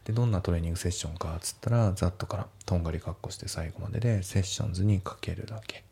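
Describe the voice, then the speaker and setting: A man's voice: sits low, rapid-fire, creaky, dark tone, slightly rough. A man teaching English grammar and pronunciation, often trailing off to a near whisper at the ends of sentences.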